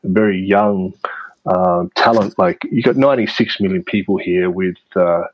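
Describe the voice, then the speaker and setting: A man answering interview questions in a measured way, with many fillers and restarts. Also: sits low, dry recording, dull audio. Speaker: interview guest, media producer. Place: based in Vietnam.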